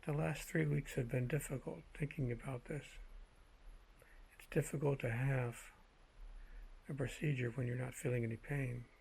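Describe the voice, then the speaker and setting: Husky, gravelly man telling personal stories. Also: mid-range voice, steady tone, normal speed, long pauses, a little mellow, low-quality recording. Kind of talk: slow casual monologue, anecdotes.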